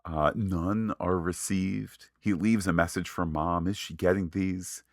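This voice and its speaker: A man's voice: sits low, fairly even intonation, a little slow, dry recording, studio quality. A man hosting a podcast, recapping an episode with playful, mock-sarcastic asides. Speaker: podcast host.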